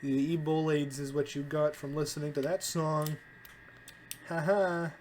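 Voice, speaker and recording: A man's voice: fairly high pitch, little pitch movement, a little mellow, a little hiss or hum. A young adult man co-hosting a casual podcast chat, teasing his friends and joking around. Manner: teasing, jokey, quick to laugh. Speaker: podcast co-host.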